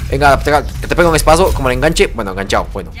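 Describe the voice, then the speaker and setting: A young man, excitedly commentating his own gameplay and swearing at the action. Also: mid-range voice, very fast, slight background noise. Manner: excitable, swearing, reacting loudly to the game. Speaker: gamer.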